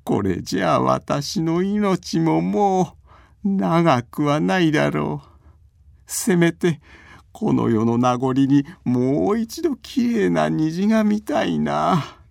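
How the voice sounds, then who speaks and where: A man voicing a frail, bedridden old man in a folk tale, speaking slowly in a high, quavering voice. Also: expressive, creaky, a little mellow, no room sound, studio quality, heavily acted. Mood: wistful. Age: older.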